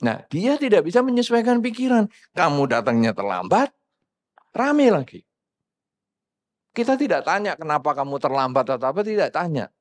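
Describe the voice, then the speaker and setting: A man giving a Dhamma sermon in a conversational way, asking the audience questions and acting out what people say. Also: fairly high pitch. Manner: conversational, asks the audience questions, acts out quoted speakers. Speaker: Buddhist Dhamma teacher.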